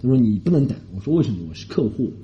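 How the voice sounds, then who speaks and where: A man from Shanghai telling a story in a casual monologue, animated, indignant and rambling. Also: mid-range voice, very fast, a little hiss or hum. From Shanghai, China. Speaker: podcast host. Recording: dull lo-fi recording.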